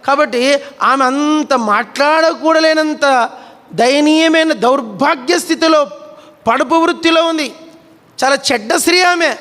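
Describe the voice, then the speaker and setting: A man's voice: extremely high pitch, pushed and bright. Male pastor, sermon, asks and answers his own questions, long echo of a church hall. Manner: calls on congregation members by name.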